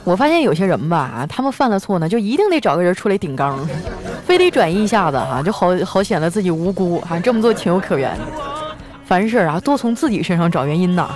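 A woman tells comic listener stories in a chatty, teasing way. Her pitch leaps around, full of animated swings. A faint bed of music and crowd sits behind her. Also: quick pace. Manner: chatty, teasing, laughs while telling stories. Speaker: radio-style podcast host reading listener stories. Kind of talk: comic storytelling.

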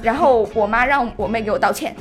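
A woman in her twenties in casual chat, telling a family story in an animated way and acting out what was said. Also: a little high, brisk. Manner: animated storyteller who acts out quoted lines. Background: music playing underneath.

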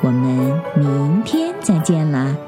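A woman's voice: low-pitched, sing-song, slow pace, over music. Sing-song woman telling a bedtime story. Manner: gentle, sing-song, addresses children. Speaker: children's storyteller, host.

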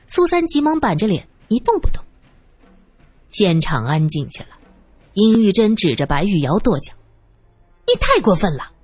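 A woman's voice: medium pitch, very animated, moderate pace, long pauses, a little mellow, slightly rough, no room sound. A woman narrating a story, reading expressively and acting out the scenes. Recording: dry close voice with faint music.

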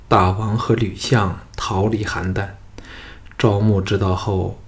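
A man reading the lines of a scheming, vengeful young noblewoman in a soft, subdued voice. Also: on the low side.

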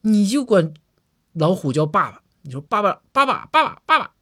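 A man's voice: high-pitched, very animated, normal speed, bright, forceful tone, pitched above the performer's own voice, exaggerated voice. A man voicing a pompous older magistrate who lectures with self-assurance. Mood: lecturing. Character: pompous older male magistrate Lord Bao.

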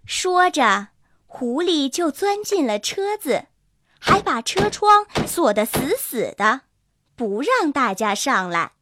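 A woman telling a children's bedtime story in a slow, expressive, sing-song way. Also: sits high. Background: soft music.

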